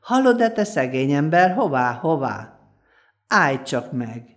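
A woman's voice: a bass voice, expressive, darkish tone. A woman voicing a greedy, scheming palace guard in a folk tale, speaking mockingly and haggling. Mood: scornful.

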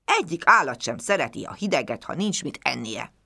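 A woman's voice: extremely low pitch, big pitch swings, creaky, bright, forceful tone, breathy edge, exaggerated voice. A woman voicing an old, wise, grumpy crow in a children's story, with a cawing, lecturing voice.

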